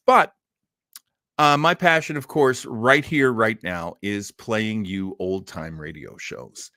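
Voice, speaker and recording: A man hosts an old-time radio show in a mid-range, slightly bright voice, recorded at studio quality with no echo. He chats casually and enthusiastically to his live audience, rambling along conversationally.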